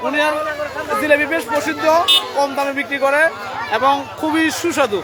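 A man with a regional Bangladeshi accent from the Chittagong-Sandwip area reports live from an outdoor fair in a halting, repetitive, informal way. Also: very high-pitched, flat delivery. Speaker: on-location fair reporter and host. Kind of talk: live street reporting with vox pops. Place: outdoors at a busy village fair. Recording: noisy outdoor crowd, street and vehicle sounds.

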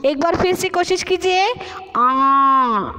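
Slow, high-voiced woman teaching children. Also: lively intonation, big-room sound. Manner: slow, patient, repeats questions to the class. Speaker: primary school teacher. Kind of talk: online Hindi lesson for young children.

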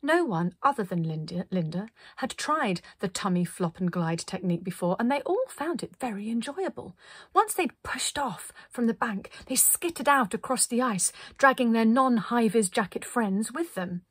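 A woman reading a children's story aloud in a gentle, playful way. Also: on the high side, animated, normal speed, husky, dry recording, studio quality.

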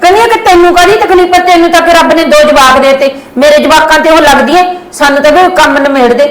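An actress playing an argumentative young wife with two children in a Punjabi village family drama, nagging in a Punjabi accent. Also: female voice, high-pitched, fast, a loud crowd, close to an everyday voice. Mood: quarrelsome. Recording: echoey room, faint noise.

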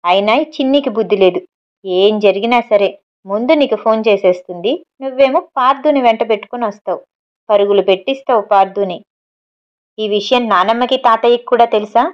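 A woman's voice: medium pitch, a little fast, smooth, lightly acted. Brief: anxious son, dry teasing humor, voiced by a female storyteller, slightly dull audio. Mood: wry. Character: worried young man caring for father.

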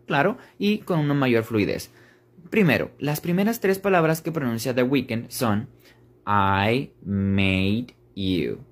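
A man explaining an English pronunciation lesson step by step, saying English phrases over slowly and repeating them. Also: mid-range voice. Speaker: English teacher.

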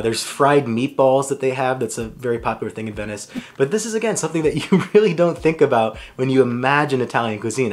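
A young man talks through a travel food vlog in a chatty, eager way, poking fun at himself as he goes. His voice sits at an ordinary middle pitch. Soft music plays faintly underneath. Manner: chatty, enthusiastic, self-deprecating. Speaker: travel vlogger. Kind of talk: casual food narration.

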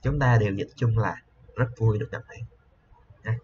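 A male teacher explains an English lesson. He is patient, repeats each word slowly, and often adds a soft tag to his sentences. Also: fairly low pitch. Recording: slightly dull lo-fi with faint hiss.

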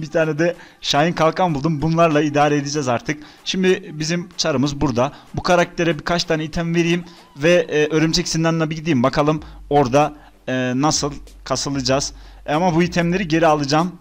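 Brief: young Turkish male gaming host, slightly high voice, casual and excitable, quick to groan or shout. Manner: excitable, swings between groans and outbursts. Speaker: gaming YouTuber. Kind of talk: casual let's-play commentary.

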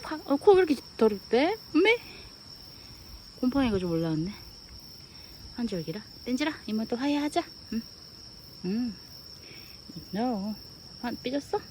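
Lively woman teasing and scolding her pets outdoors. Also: a little high, a little slow, pauses often. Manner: scolding, teasing baby talk, mixing in English. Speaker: pet owner talking to her dogs. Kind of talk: casual chat with pets. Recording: noisy outdoor ambience.

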